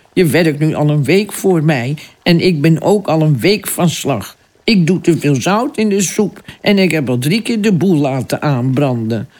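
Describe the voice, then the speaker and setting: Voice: mid-range voice, a little mellow. A narrator playing a flustered, lovesick cook. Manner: flustered, earnest. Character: fat, friendly lovesick male cook.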